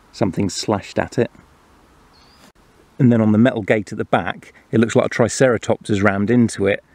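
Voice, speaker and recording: Low gravelly man showing toys. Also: no echo. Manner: relaxed, explanatory, fillers. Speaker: toy reviewer. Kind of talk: casual toy review narration.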